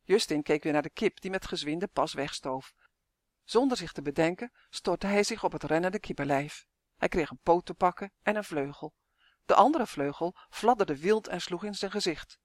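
A lively audiobook narrator reading a children's fantasy tale. The reading is expressive, at a middle pitch. The recording is dry and close, with no room sound. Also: no echo. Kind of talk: scripted storybook narration.

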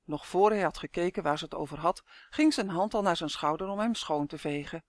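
A woman reading a children's storybook aloud with expressive, lively storytelling. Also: fairly low pitch, brisk, no echo, clean studio sound. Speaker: narrator.

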